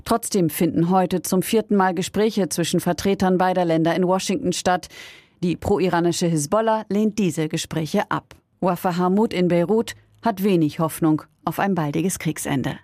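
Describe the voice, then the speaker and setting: A woman delivers a scripted news report, her reading steady and formal. Her voice is on the lower side. The recording is close and dry. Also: moderate pace, dry recording.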